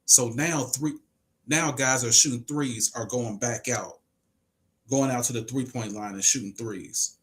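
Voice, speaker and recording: A man's voice: mid-range voice, a little slow, fairly bright tone. Emphatic man in his forties arguing. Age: 40s. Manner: emphatic, argumentative, rhetorical questions. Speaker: podcast host. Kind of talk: casual livestream monologue.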